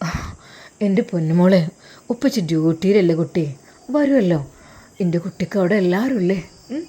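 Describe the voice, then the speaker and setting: A woman voicing a gentle, grieving father who speaks softly to comfort his daughter. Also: fairly low pitch, normal speed, close to an everyday voice. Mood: soothing. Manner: soft, soothing, hushed. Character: gentle, grieving young father, soft-spoken.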